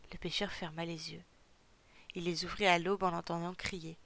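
A woman narrating a storybook chapter with measured, steady storytelling. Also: on the low side, vocal fry. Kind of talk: audiobook narration.

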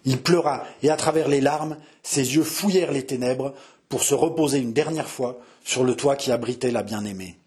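A man's voice: medium pitch, normal speed, darkish tone. Man reading a dramatic story. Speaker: narrator.

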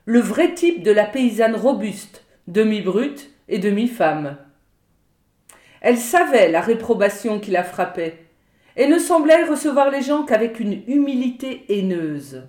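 A woman reading a literary short story aloud in a measured, expressive narrating voice. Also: on the high side. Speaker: audiobook reader. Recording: roomy echo.

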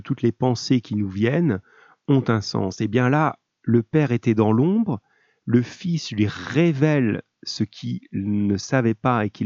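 A man with a dark, relaxed voice gives a school lesson as a teacher. He sets out questions and instructions step by step, in a didactic way. The recording is muffled and echoes around the room. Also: medium pitch. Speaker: middle school French literature teacher. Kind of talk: lesson, explaining study questions to pupils.

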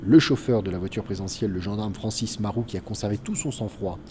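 A man's voice: fairly low pitch, fast talker, dark tone, a little hiss or hum. A man giving an informal, explanatory account of history as a narrator.

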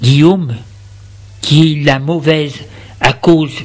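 Slow, deliberate male storyteller. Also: fairly high pitch, steady tone, a little mellow. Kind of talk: dramatic story reading.

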